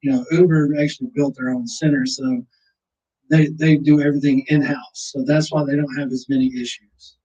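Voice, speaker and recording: A man's voice: mid-range voice, flat delivery, moderate pace, dark tone, poor audio. A man talking casually in a group chat.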